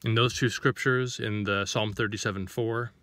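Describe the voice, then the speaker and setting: Guy preaching casually, lowish crisp voice, dry small room, asks lots of questions. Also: fairly even intonation, normal speed, fairly bright tone, no echo. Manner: reads scripture then explains it, asking rhetorical questions; searching for words, with frequent restarts. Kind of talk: informal sermon to camera.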